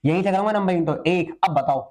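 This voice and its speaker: High-voiced chemistry teacher coaxing students. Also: male voice, quick pace, darkish tone. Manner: coaxing, asks questions then answers himself. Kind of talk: online exam-prep lecture.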